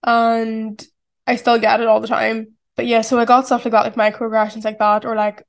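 Hosting her own casual podcast, a young Irish woman in her 20s muses aloud in a chatty, reflective way, leaning heavily on "like." Her strongly accented voice is fairly high, with little pitch movement and a moderate pace.

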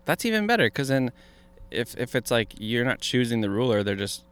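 A man's voice: mid-range voice, very animated, brisk, a bit bright, clear, resonant tone. A man co-hosting a podcast in a joking, casual chat outdoors, laughing often. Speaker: podcast co-host.

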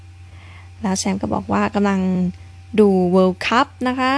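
A woman's voice: medium pitch, a little slow, creaky, dry recording. A woman casually narrating a story game, chatty and polite, thinking aloud as she reads along. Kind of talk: casual let's-play narration.

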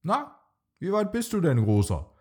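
Patient storybook dino dad, gentle and lively, as a male narrator puts him on, husky voice. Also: sits high, unhurried, pitched above the performer's own voice, heavily acted. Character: kind patient father dinosaur.

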